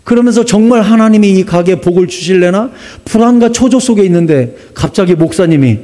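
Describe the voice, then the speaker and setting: A male pastor preaching a sermon, telling a story in a lively way and acting out the dialogue. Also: sits high, fairly quick. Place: church sanctuary. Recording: long reverb of a church hall.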